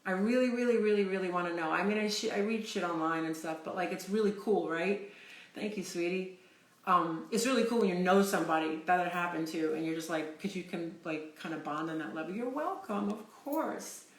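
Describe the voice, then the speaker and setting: A woman's voice: lowish voice, fairly even intonation, fairly quick. A middle-aged woman casually telling rambling personal stories on a livestream, swearing freely as she goes. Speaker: livestream host. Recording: roomy echo.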